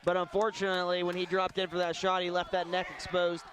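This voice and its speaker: A man doing color commentary, explaining in a measured way what happened in the fight. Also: high-pitched, completely flat delivery, noisy background.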